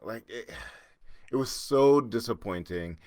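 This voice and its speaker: A man in his fifties hosting a casual solo podcast, rambling and chatty, with asides and quick laughs. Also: medium pitch, expressive, darkish tone, dry recording, studio quality. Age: 50s. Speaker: podcast host.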